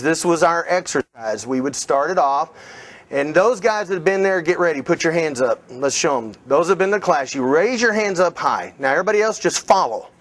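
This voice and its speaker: Middle-aged guy teaching a live seminar, kinda high voice, really lively pitch, keeps quizzing the crowd. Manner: energetic, coaching a room, asks the audience questions. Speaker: real estate trainer. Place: seminar room with a live audience.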